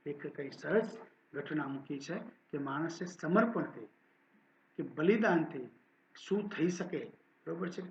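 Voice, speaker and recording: A man's voice: a little high, measured pace, creaky, long pauses, muffled recording. Male professor reading aloud in an echoey room. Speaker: college professor. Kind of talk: reading a literary text aloud and explaining it in a lecture.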